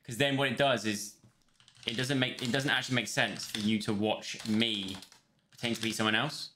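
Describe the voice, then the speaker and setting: A man's voice: mid-range voice, fairly even intonation, moderate pace, bright, forceful tone, a little hiss or hum. A young man chatting casually on a live stream, rambling between topics and thanking viewers. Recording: roomy sound with faint music.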